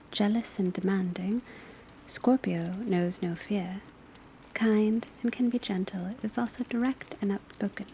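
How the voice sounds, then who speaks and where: A woman of medium pitch delivers a soft, breathy, mostly whispered ASMR classroom lecture, measured, deliberate and instructive. She is an ASMR performer playing an astrology class teacher, with steady ambient noise of a crackling fireplace, rain on the rooftop, and pencil writing.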